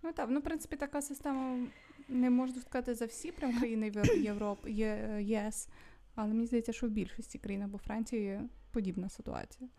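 A woman with a somewhat raised pitch hosts a relaxed conversation. She guides it along with questions and short agreeing replies. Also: quick pace, a little hiss or hum. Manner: steering the talk with questions. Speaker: podcast host. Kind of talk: casual chat.

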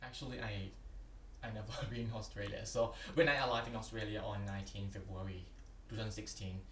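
A man's voice: fairly low pitch, fairly even intonation, fairly quick, a bit bright. A young man from Thailand with a Thai accent, answering interview questions earnestly and plainly, often adding "yeah". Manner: earnest, plain phrasing with frequent "yeah" and "yep". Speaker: podcast guest, PhD candidate. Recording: roomy, distant from the mic, faint background noise.

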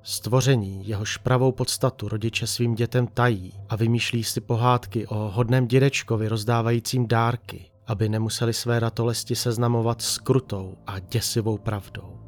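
A man calmly reading a dark story aloud as narrator, in an even storytelling manner. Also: medium pitch, few pauses.

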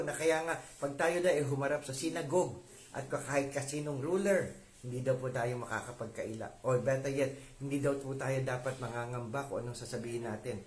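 A man's voice: on the high side, darkish tone. A man giving an informal sermon in Filipino and English, talking to listeners and often asking them to agree. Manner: conversational, asks listeners to agree. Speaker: lay preacher. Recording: echoey room with faint background noise.

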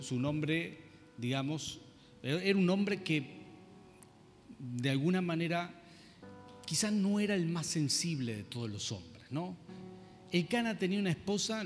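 A man preacher delivers a storytelling sermon in a fairly high voice. He keeps checking in with his listeners as he goes. His words ring out in a long church reverb while soft instrumental music plays behind him. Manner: storytelling, asks listeners for agreement.

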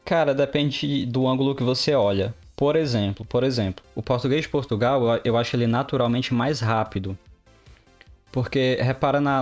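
Animated man chatting. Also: medium pitch. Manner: animated storyteller, mimics others' phrasing. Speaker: podcast co-host, developer. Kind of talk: casual podcast chat.

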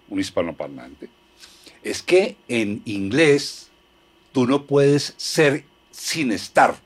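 A man with a Colombian accent in casual conversation, explaining ideas in a mock-philosophical way and acting out little quotes. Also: on the low side.

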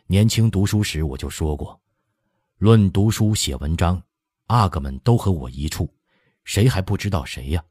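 A man giving voice to a contrite young noble general in an audiobook, low and dark, earnest and self-reproaching, with a husky edge. the reader keeps close to his own deep voice. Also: expressive, normal speed, dry recording.

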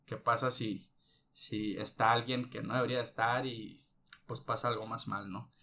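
A man's voice: mid-range voice, fairly even intonation, moderate pace, creaky, sharp tone. A man with a Mexican accent, a teacher talking as a podcast guest in casual, slangy chat with frequent swearing. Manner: slangy and salty, with frequent "no?" tags.

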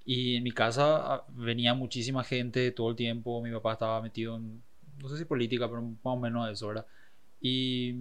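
A man's voice: medium pitch, smooth. A man interviewing a guest in a casual chat, sharing personal anecdotes from his youth. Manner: conversational, tells personal anecdotes.

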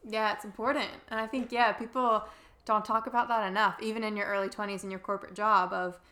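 Woman podcast host, sharp bright tone, little pitch movement, earnest. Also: level tone, quick pace. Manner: earnest, asks set questions. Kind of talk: casual podcast interview.

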